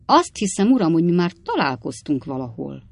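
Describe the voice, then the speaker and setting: Woman reader as sly one-eyed salesman, a storyteller; knowing and unhurried; audiobook. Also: deep voice, very animated, creaky, darkish tone, no echo, exaggerated voice.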